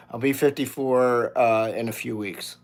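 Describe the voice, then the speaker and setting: A man's voice: medium pitch, fairly even intonation, slow pace. A man in his fifties live-streaming as a musician, chatting casually with viewers, greeting them by name and swearing freely. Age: 50s.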